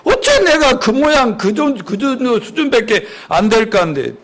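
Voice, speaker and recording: A man with a notably high voice preaches in church with plenty of animation. He quizzes the congregation with quick questions and acts out the angry outbursts he warns against. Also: big pitch swings, fairly bright tone. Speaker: pastor. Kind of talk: sermon.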